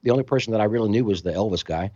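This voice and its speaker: A man telling a story in casual conversation, animated and acting out other people's voices, in a slightly muffled recording. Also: lowish voice, rapid-fire, no echo. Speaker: storytelling guest musician.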